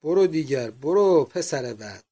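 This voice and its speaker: A man reading the part of a mocking young painter who jeers and shouts in an audiobook. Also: on the high side, animated, lightly acted. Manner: jeering, boisterous. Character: mocking young male painter, rowdy joker.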